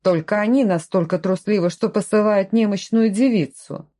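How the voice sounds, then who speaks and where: Speaking at normal speed in a warm, medium-pitched, natural voice, a woman reads a storybook. She gives lines to a curt castle lord, a stern and distrustful grown man who issues short commands.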